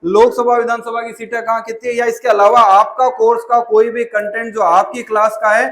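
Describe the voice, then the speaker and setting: A man with a notably high voice leads a classroom demonstration, instructing the students directly and calling them child. He is recorded in a school hall with a lot of echo bouncing around him. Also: flat delivery, fairly quick, a bit bright. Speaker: memory trainer presenting a school seminar. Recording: echoey hall.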